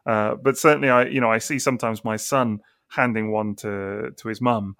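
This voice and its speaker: A man's voice: lowish voice, steady tone, moderate pace, a bit bright, dry recording, clean studio sound. A man hosting a casual chat, thoughtful and easily amused. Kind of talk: casual chat about collectible toys.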